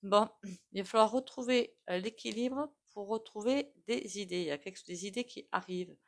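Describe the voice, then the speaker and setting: A woman doing a casual tarot reading, thinking aloud and reacting to each card with quick exclamations. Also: mid-range voice, creaky. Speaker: tarot reader.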